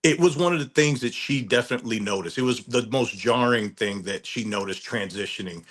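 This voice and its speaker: A man, retired from the military, telling a story on a casual panel in halting speech, often repeating words. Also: mid-range voice, fairly bright tone.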